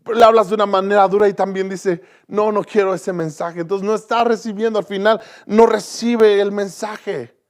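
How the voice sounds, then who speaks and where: High-voiced man preaching a sermon. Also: little pitch movement, brisk, smooth. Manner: earnest preaching with repeated phrases and restarts. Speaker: pastor. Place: church.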